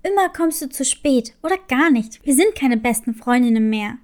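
A woman's voice: very high-pitched, animated, normal speed, darkish tone. A hurt, scolding young girl friend, as a woman narrator puts her on. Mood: reproachful. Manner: reproachful.

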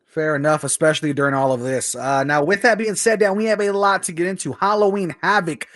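A man's voice: on the high side, fairly even intonation, quick pace, a bit bright, dry recording, studio quality. A man co-hosting a radio show, chatting casually about sport.

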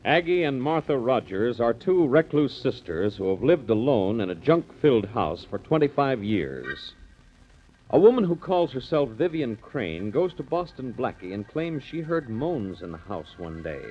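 A man narrating as announcer of a 1940s radio drama, recapping the story in a measured, expressive way, heard as an old radio broadcast. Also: mid-range voice. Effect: old radio broadcast sound. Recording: muffled old radio recording, faint music.

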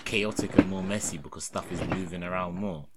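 A man's voice: low voice, fairly even intonation, fairly quick. A young man, chatting casually in a laid-back, slangy, repetitive way. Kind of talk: casual chat with a friend. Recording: clear background noise.

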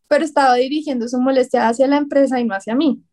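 A woman's voice: sits high, fairly even intonation, fast, a little mellow. A young Colombian woman with a Colombian accent, a guest and writer, telling stories in casual conversation. She acts out what people said and often laughs. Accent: Colombian Spanish.

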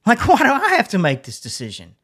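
A man's voice: sits high, wildly swooping pitch, fast talker, fairly bright tone, breathy edge. Earnest middle-aged man telling a story. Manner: earnest, rambling with restarts. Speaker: podcast co-host. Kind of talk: casual chat, personal story.

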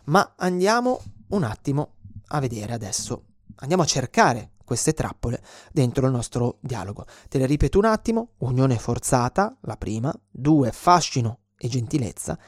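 A man's voice: mid-range voice, big pitch swings, normal speed, dry recording. Earnest male instructor, explanatory delivery, close dry mic. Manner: earnest, frequent restarts and "ok?" check-ins. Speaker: self-defense instructor. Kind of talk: explanatory spoken lesson.

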